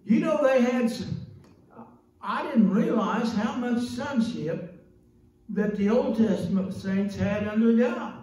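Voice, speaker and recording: A man's voice: high voice, mellow. Older man preaching in an echoey church. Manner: folksy, chatty preaching with frequent "praise God" and laughs. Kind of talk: sermon. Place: small church sanctuary, indoors. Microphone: handheld microphone. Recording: very echoey room, voice from a distance.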